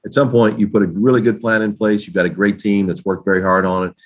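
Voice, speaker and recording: Man, very low voice, folksy, interview guest. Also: fast talker, a little hiss or hum. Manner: folksy, relaxed, many fillers and restarts. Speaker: guest, games organizer. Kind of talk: conversational interview answers.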